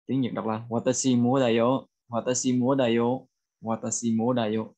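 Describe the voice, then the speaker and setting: A man with a Vietnamese accent teaching a bilingual vocabulary lesson, repeating each phrase slowly for learners. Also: medium pitch, flat delivery, warm tone. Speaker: language teacher.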